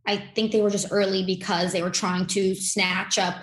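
A woman's voice: medium pitch, level tone, moderate pace. Chatty young woman in echoey room. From Miami, Florida. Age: young adult. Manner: rambling, filler-heavy, chatty. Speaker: guest, incoming podcast host. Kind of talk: casual interview chat.

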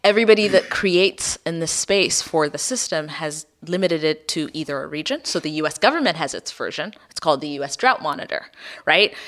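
A woman's voice: fairly low pitch, a bit bright. A woman from Ethiopia, a company founder, explaining her work in a podcast interview and often adding "right?".

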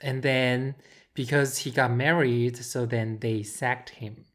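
In a slow, bass voice with little pitch movement, a podcast co-host from Taiwan chats casually about films. Giggling often, she mixes up names and repeats words.

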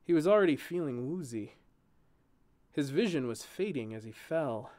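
Lively male fantasy audiobook narrator. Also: on the high side, moderate pace. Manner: expressive, lively reading. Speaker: storyteller and channel host.

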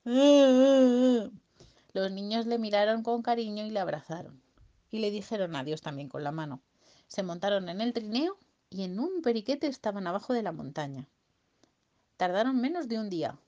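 A woman's voice: medium pitch, expressive, normal speed, warm tone. A woman improvises a bedtime story for a child, full of playful sound effects and silly sung bits. The recording is dull and lo-fi, like a home device.

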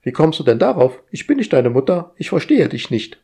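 A shrill, pedantic household AI woman who lectures and scolds everyone around her, voiced by a male reader. She sounds primly fussy and takes every word literally, in a storybook reading with her pitch pushed well up. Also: big pitch swings, brisk, creaky, mellow, slightly rough, exaggerated voice. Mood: prim scolding.

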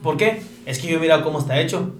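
A man's voice: fairly high pitch, expressive, racing, soft background music. A man with a Mexican accent, a chef guest on a casual podcast, bluntly lecturing with everyday examples and plenty of swearing. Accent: Mexican Spanish. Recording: echoey room with faint noise.

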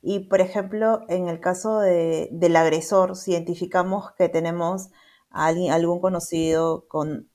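Woman chatting casually, slightly low. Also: steady tone, normal speed, mellow. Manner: asks questions, shares personal examples. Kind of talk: casual chat.

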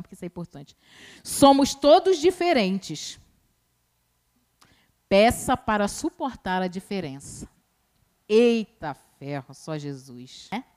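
A woman with a Brazilian accent preaching a colloquial sermon at a church service, chatty and teasing, her voice swinging between loud and hushed. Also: high-pitched.

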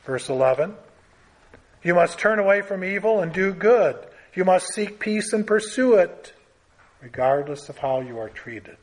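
A man's voice: high-pitched, lively intonation, measured pace. A man preaching a Bible teaching sermon in an earnest, emphatic way, building through lists and pressing key words.

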